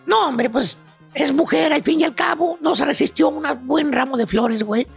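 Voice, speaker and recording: Brief: shrill gravelly Mexican comic professor, slangy and rambling, radio comedy bit. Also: male voice, moderate pace, faint music behind. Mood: storytelling. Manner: rambling, slangy, keeps saying "güey" and "fíjate nada más". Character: squeaky-voiced male joke professor lecturing on rustic types. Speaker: comedy segment presenter.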